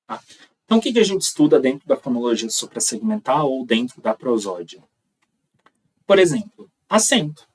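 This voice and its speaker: A man's voice: medium pitch, big pitch swings, normal speed, slightly rough, far from the mic, poor audio. A man with a Brazilian accent teaching an online lecture, explaining step by step and checking in with frequent "tá?". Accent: Brazilian Portuguese.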